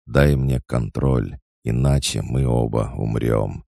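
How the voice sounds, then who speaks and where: A man voicing a growling, menacing ancient male god of death who speaks slowly and commandingly. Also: rumbling low, warm tone, dry recording, clean studio sound, heavily acted. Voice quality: growling, rasping laugh.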